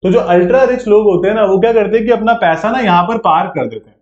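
This law entrance exam teacher talks fast in a high-pitched, animated voice with a darkish tone and an Indian English accent. Leading a live online prep class, he's chatty and constantly checks in with tag questions; the echoey room makes the recording dull and lo-fi.

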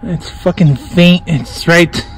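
A man vlogging outdoors on his phone at work, out of breath from loading hay, talking in a loose, excited way and swearing casually. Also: fairly high pitch, takes it slowly, slight background noise, poor audio. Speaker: vlogger filming the sky.

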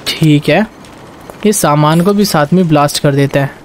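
A young man giving lively gameplay commentary in Hindi mixed with English, talking to viewers as he plays. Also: on the high side, moderate pace, a little hiss or hum. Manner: excitable, talks to viewers, barks orders in role.

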